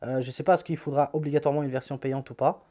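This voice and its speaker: A tech YouTuber casually walks through the apps on his phone, chatty, blunt and slangy, often repeating words. His medium-pitched voice is steady, mellow and quick.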